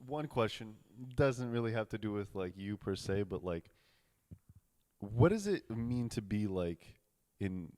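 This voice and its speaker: A man's voice: fairly low pitch, lively intonation, measured pace, warm tone. A young man in casual podcast chat, asking curious, hesitant questions full of filler words.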